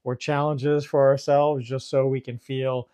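A man, a therapist co-hosting a podcast, explaining calmly and mixing clinical terms with casual swearing. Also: mid-range voice, a little slow, lo-fi sound. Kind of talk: casual chat.

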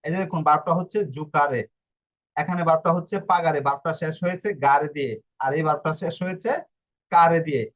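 Man, high voice, patient teacher who repeats each rule and quizzes the class; dull lo-fi sound. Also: fairly even intonation, fast, fairly bright tone. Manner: repetitive, explaining step by step with rhetorical questions. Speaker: language teacher. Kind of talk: online language lesson.

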